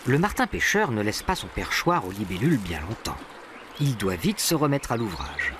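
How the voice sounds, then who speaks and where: A man's voice: on the low side, sing-song, moderate pace, noisy background. A man reading scripted narration for a nature documentary. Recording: animal and bird sounds behind. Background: birdsong and natural ambience.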